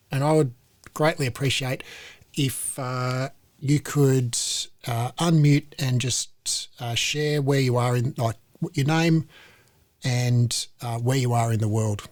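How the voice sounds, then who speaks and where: A man, a company CEO, hosting a live online webinar in a relaxed, conversational way, with fillers and restarts, over a video call. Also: mid-range voice, no echo.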